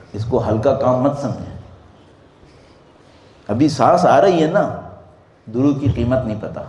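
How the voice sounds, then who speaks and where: Man preaching in an echoey hall. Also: warm tone. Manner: dramatic rises and drops in pitch and volume, rhetorical questions. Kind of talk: religious sermon.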